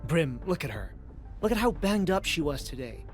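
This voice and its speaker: An actor playing a protective, earnest soldier in a game, talking informally. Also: male voice, on the high side, very animated, moderate pace. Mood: worried, determined. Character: protective male soldier medic, earnest, gruffly caring. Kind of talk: scripted video game voice message. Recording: music behind the voice.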